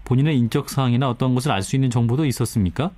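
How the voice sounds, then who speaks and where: A man's voice: medium pitch, racing, mellow, no echo. A man hosting a radio news show, introducing items and putting questions to guests in broadcast style. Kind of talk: broadcast interviewing. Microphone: close studio microphone.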